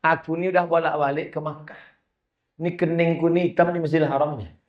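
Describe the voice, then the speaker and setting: A proud, stubborn old man brags and waves off every invitation, as a preacher acts him out. His voice sits fairly high and carries a dismissive, boastful tone. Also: flat delivery, fast talker, highs cut off, natural voice.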